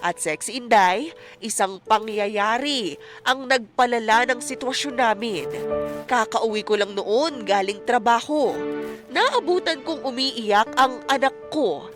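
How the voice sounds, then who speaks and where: A woman narrating a listener's letter in first person for a radio drama, steady and earnest. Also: a little high, measured pace, over music.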